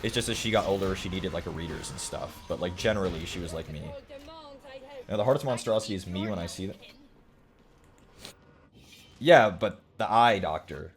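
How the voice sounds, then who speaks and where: A man's voice: low voice, a little fast, pauses often, soft background music. A man in his late twenties streaming a game, chatting casually and joking while he reads his chat aloud. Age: late 20s.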